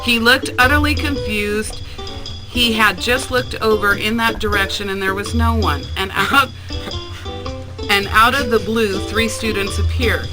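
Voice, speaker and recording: Reading her personal essay to a classroom, this teacher keeps laughing, clearly amused by it. She speaks a little high and steady at a measured pace, with music behind her on a low-quality recording.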